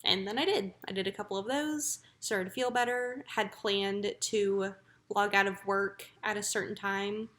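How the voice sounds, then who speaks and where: A woman speaks casually, as if updating viewers on a personal vlog. Her pitch sits in a middle range and stays fairly flat. She sounds matter-of-fact and reflective as she talks. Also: normal speed. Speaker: vlogger.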